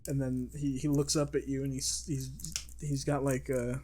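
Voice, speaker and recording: A man narrates as game master of a loose comedy role-play and rambles through his scenes. He keeps restarting his sentences. His voice is fairly flat in pitch. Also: normal speed. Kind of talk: casual improvised game narration.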